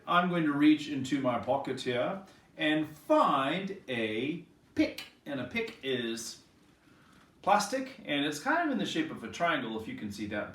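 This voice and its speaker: A man teaching an online music lesson to young children, gentle, encouraging and playful. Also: mid-range voice. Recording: echoey room, voice a bit distant. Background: acoustic guitar.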